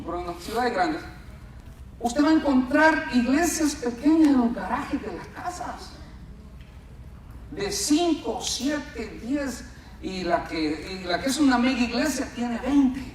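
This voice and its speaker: A man preaching a sermon in a church, telling stories in a lively way and often calling his listeners brother. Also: very high voice, distant mic, slight background noise. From Latin America. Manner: storytelling, animated, addresses listeners as brother. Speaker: pastor. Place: church hall. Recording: echoey hall mic, speaker off-mic at times.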